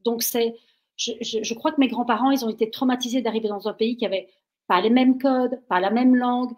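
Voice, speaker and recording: As a guest in an interview, a Belgian woman launches into lively stories, talking a little fast in a fairly high voice. She's energetic and easily gets carried away.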